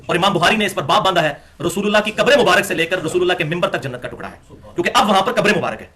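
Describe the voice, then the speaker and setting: A man giving a religious lecture, citing books by page and reading passages aloud. His delivery is emphatic, swinging between raised, forceful phrases and low, quiet asides. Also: expressive. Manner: emphatic, quotes sources and reads passages aloud.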